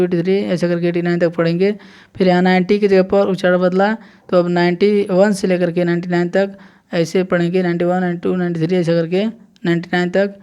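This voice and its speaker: A man's voice: high voice, darkish tone, clean tone. A male teacher patiently giving a classroom lesson, counting numbers aloud one by one and repeating each step.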